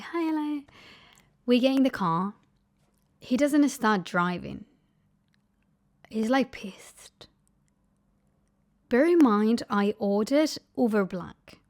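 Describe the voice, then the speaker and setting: Chatty young woman vlogging a story. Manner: animated, acts out quotes with big pitch jumps; drops to a whisper for asides. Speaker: lifestyle vlogger. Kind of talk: casual storytelling to camera.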